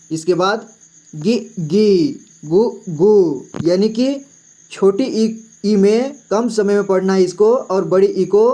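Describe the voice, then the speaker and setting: A man's voice: sits high, warm tone. A male teacher giving a patient, explanatory lesson who repeats each syllable several times and checks in with the listener often. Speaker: Hindi teacher.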